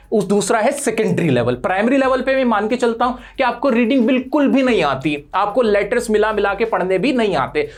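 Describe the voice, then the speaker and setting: A man teaching a spoken language lesson, asking the viewer questions and answering them himself in an encouraging tone. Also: high voice. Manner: encouraging, direct address to learners. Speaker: English teacher.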